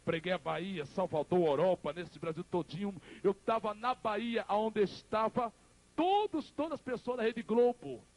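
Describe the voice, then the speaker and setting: Pastor guy preaching his testimony, high voice, fired up and yelling at times. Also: steady tone. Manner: impassioned, crying out, quick storytelling. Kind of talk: emotional testimony sermon.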